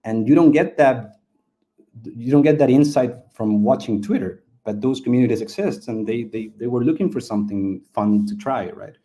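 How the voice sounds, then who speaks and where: Chilean game studio founder and Spanish speaker, this interview guest talks at a normal speed in a medium-pitched, mellow voice. His manner is casual, and he often repeats words as he explains.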